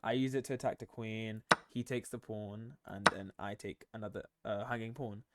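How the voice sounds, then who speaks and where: A man's voice: fairly low pitch, fairly even intonation, normal speed, heavy background noise. A tired young man commenting on his own chess game, thinking aloud with many ums and self-corrections. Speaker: chess streamer.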